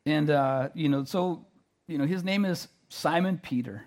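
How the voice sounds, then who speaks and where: A man preaching through an interpreter, halting, repeating words and often checking in with "right?" and "you know". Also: fairly high pitch, a little mellow. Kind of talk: sermon delivered through an interpreter.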